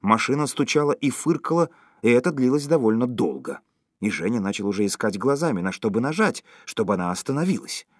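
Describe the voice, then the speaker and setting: A man's voice: medium pitch, big pitch swings, fairly quick, dry recording, studio quality. A man reading a story aloud as an audiobook narrator, telling it expressively.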